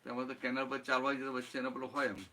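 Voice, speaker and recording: A man's voice: mid-range voice, little pitch movement, very fast, pushed and bright. A man giving a satsang talk as spiritual teacher, explaining with everyday examples and often checking that listeners follow. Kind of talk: satsang talk answering a question.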